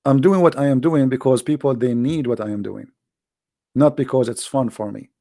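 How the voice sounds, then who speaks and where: At a moderate pace, this man's mid-range voice comes across dark, with vocal fry and the Arabic accent of a native speaker. He hosts as a religious polemicist, delivering an informal, impassioned monologue that is blunt and emphatic, with repeated phrases and rhetorical questions. The clean studio sound has no room sound.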